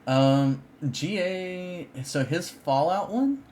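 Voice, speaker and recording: A man's voice: high voice, animated, slow, a little mellow, a little hiss or hum. Rambling male podcast host. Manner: rambling, full of fillers and restarts. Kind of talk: casual chat about card games.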